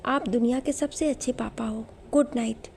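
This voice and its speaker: A woman's voice: a little high, steady tone, normal speed, gravelly, a little mellow, slight background noise. A woman storyteller voicing an earnest, ambitious young daughter in a spoken storybook.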